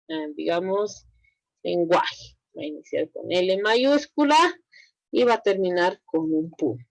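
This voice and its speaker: A woman teacher gives an online language lesson, explaining at a deliberately slow pace. She keeps checking that students follow. Her voice sounds dry and close, with no room around it. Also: medium pitch, darkish tone, dry recording, poor audio. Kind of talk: online class lecture.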